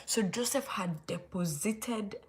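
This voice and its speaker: A young Nigerian woman hosts a laid-back late-night Bible study livestream, her mid-range voice moving at a slow pace. She rambles, keeps restarting her sentences, and leans heavily on "like."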